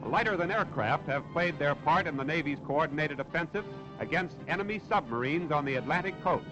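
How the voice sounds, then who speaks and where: High-pitched 1940s newsreel announcer. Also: male voice, lively intonation, fairly quick, lo-fi sound. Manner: dramatic, declamatory. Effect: old newsreel recording. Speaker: newsreel narrator. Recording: old newsreel soundtrack with loud music.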